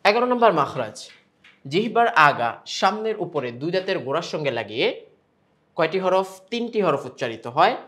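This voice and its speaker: A man's voice: high voice, big pitch swings, fairly bright tone. Bangladeshi man teaching letter sounds. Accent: Bangladeshi Bengali. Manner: slow drawn-out sample sounds between explanations. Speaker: Quran recitation teacher. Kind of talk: step-by-step pronunciation lesson.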